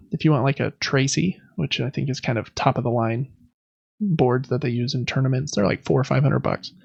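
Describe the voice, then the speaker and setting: A podcast host with a medium-pitched, gravelly voice talks enthusiastically and informally about board games. The recording is dry and lo-fi.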